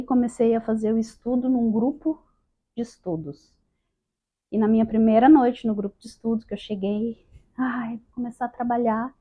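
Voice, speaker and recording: A woman telling her spiritist experiences to an audience, acting out dialogue and often calling out to her listeners. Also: on the high side. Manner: lively storyteller acting out dialogue, addresses listeners as "gente". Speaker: spiritist speaker. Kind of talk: testimonial talk to an audience. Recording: dull lo-fi sound.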